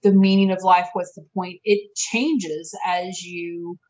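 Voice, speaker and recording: Woman, podcast co-host, thoughtful and halting, dull lo-fi sound. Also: fairly low pitch, steady tone, darkish tone. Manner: reflective, with frequent restarts and fillers. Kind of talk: casual podcast chat.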